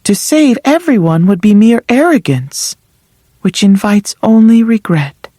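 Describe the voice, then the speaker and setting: A woman voicing a calm ancient female spirit who speaks in a measured, formal way. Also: mid-range voice, no room sound, studio quality, pitched below the performer's own voice. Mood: solemn.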